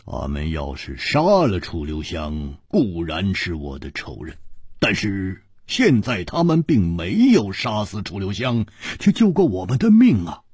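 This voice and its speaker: A man's voice: sits low, big pitch swings, a little slow, a little mellow, husky, dry recording, clean studio sound, voice pushed down, exaggerated voice. A man voicing a bold young male swordsman who stammers and repeats words. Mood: proud. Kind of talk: storytelling narration.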